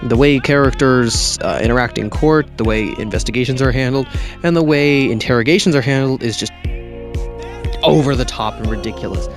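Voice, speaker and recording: Rambling man muffled under a blanket. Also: medium pitch. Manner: rambling, self-correcting, jokey asides. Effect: muffled, recorded under a blanket. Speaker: game reviewer. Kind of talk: casual video game review. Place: under a blanket with pillows behind him.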